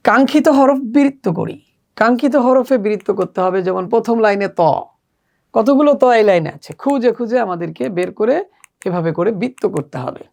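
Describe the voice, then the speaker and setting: A woman's voice: medium pitch, dark tone. A woman with a Bangladeshi accent teaching children Arabic letters step by step, stretching and repeating each sound. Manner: slow, drawn-out pronunciation drills, repeating letters. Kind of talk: step-by-step lesson.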